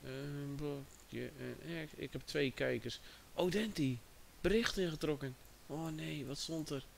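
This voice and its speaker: A man hosting a casual livestream, talking slowly and chattily to his viewers and a friend. His voice is gravelly with vocal fry. A faint hiss sits under the recording. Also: on the high side. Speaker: livestream host.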